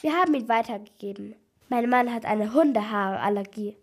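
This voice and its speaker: Woman doing a sweet chatty older lady who loves to gossip, storybook read-aloud, voice pitched up. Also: a little fast.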